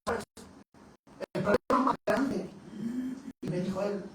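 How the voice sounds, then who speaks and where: A pastor, his fairly high voice telling a testimony as a dramatic story and acting out each line of dialogue. He sounds far from the mic, in a church room with heavy echo and steady background noise. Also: slow pace. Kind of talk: testimony sermon. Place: church hall. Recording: very echoey, distant, noisy church room.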